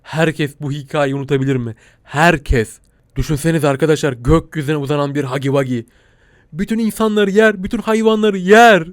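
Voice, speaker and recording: A young man commentating a game he plays, panicking, shouting and laughing in mock fear. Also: on the high side, fairly even intonation, moderate pace, no echo, clean studio sound. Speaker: gaming YouTuber. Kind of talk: excitable gameplay commentary.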